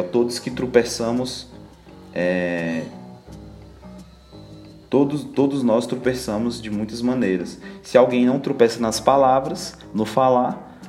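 A man's voice: medium pitch, a little mellow. A young man with a Brazilian Portuguese accent, sharing a casual devotional reflection in a chatty, laid-back way full of slang fillers.

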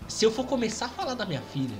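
A Brazilian man in casual podcast chat, expressive and slangy, speaking straight to the listeners. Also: extremely high pitch, rapid-fire, over music. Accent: Brazilian Portuguese.

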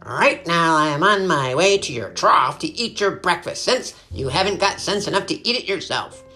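A woman's voice: on the low side, lively intonation, normal speed, bright, forceful tone, faint music behind, voice pushed up. A woman voicing a sour, greedy male barn rat who speaks in a haughty way.

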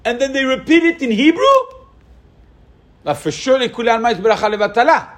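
Animated man giving a Torah class. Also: very high voice, quick pace. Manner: animated, thinking aloud with rhetorical questions; mixes Hebrew and Aramaic terms into English. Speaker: Torah teacher. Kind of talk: halachic lecture.

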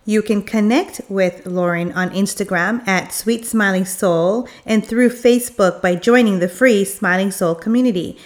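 A woman's voice: mid-range voice, normal speed, hardly any pauses, reverberant. A woman hosting a podcast interview, introducing her guest in an effusive, enthusiastic way. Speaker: podcast host.

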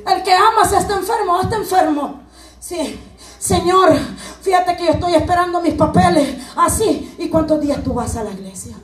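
A woman preaches with a very high, animated voice, slipping into acted dialogue and frequent laughter. She is recorded from a distance in an echoey church sanctuary, with the congregation audible around her. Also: normal speed. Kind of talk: lively Pentecostal sermon. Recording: echoey church from far off with crowd.

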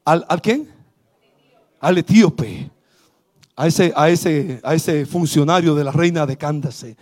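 A man preaching a sermon as bishop in Dominican Spanish, fervent and calling out to his congregation as his voice swells to shouts. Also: on the high side, slow pace. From Dominican Republic. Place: church service.

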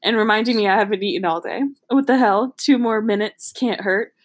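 Reading a novel on her podcast, a woman speaks briskly at a medium pitch. She takes a casual, amateurish approach, giggly and often pausing for jokes and remarks.

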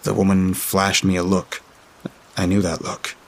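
A man reading a horror story aloud in a dry, steady storytelling manner. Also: low voice, measured pace. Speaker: narrator.

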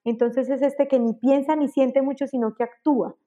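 Woman, higher voice, mellow tone, animated explainer, lo-fi audio. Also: moderate pace. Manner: animated, acts out examples with exclamations. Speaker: enneagram guest expert. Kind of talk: explanatory conversation.

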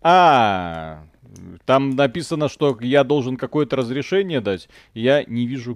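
A man streaming a game in casual chat, halting and muttering to himself as he works things out. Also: medium pitch, no echo, studio quality.

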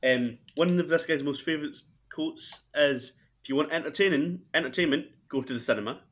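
A man's voice: on the high side, brisk, a bit bright. Man, co-host, blunt, wry, casual football talk. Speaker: podcast co-host.

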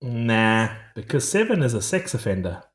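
A man's voice: medium pitch, big pitch swings, moderate pace. A man with a Scottish accent hosting a podcast with casual, joking banter, recorded with an echoey room sound. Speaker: podcast host. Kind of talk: casual banter and corny jokes.

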